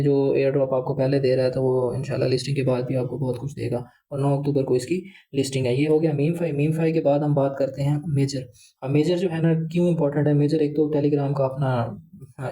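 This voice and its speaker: Flat, dark-toned man explaining. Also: mid-range voice, low-quality recording. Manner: rambling, leans heavily on filler phrases. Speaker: crypto channel host. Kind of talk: casual explainer walkthrough.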